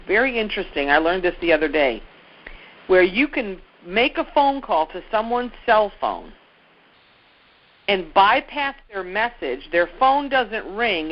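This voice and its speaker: A man with a high, very animated voice gives an informal sales-training talk at a normal speed, walking through things step by step conversationally and repeating key points. The audio is dull and lo-fi.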